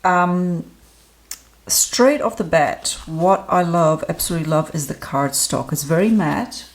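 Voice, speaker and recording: A woman's voice: lowish voice, a little slow. A woman talking casually and chattily to her viewers as she reviews an oracle card deck, with frequent ums. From Australia. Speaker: tarot reader and deck reviewer. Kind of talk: casual solo review talk.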